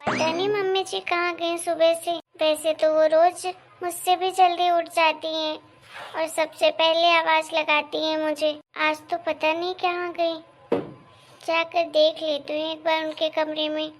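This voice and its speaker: A woman's voice: extremely high pitch, little pitch movement, unhurried, a little hiss or hum. A woman voicing a young, dutiful daughter-in-law in a cartoon story, speaking politely and with worry. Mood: worried. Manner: polite and worried.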